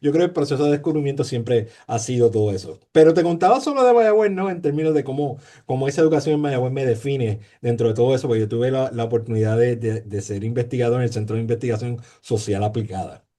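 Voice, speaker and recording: Talking quickly with few pauses, a man with a mellow, medium-pitched voice appears as a sociologist guest in a conversational interview. He's from Puerto Rico, carries a Puerto Rican Spanish accent, and sounds hesitant, leaning on fillers, repeated words and tag questions.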